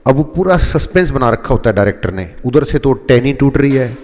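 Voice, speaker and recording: A man's voice: medium pitch, animated, fairly quick, darkish tone, in a large hall. A man teaching English phrases, explaining in Hindi and acting out examples. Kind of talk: spoken English lesson in Hindi.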